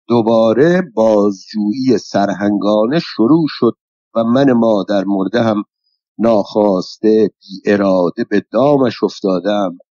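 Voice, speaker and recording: A man narrating an audiobook in an even, measured first-person storytelling reading. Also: lowish voice, no echo. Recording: dull, lo-fi dry recording.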